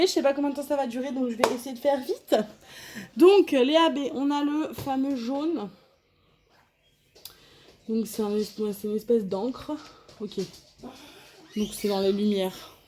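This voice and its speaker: Chatty young woman hosting a casual hobby unboxing at home, fairly high voice, a little background hiss. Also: moderate pace, long pauses. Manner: chatty, lively, thinks aloud while counting and showing. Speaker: diamond painting vlogger. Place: home living room table.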